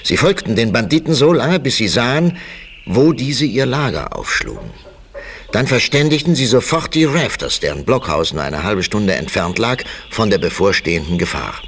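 A man narrating a radio play in a measured storytelling manner. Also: on the low side, big pitch swings, fairly bright tone, slight background noise.

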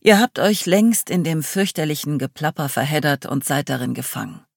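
A reader doing a thoughtful male guide in a storybook reading. He talks slowly and evocatively, leading his listeners step by step. The sound is dry and close. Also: mid-range voice, expressive, gravelly, no echo. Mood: guiding. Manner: slow, guiding, evocative. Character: calm group guide Paul, a thoughtful man. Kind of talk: audiobook reading.

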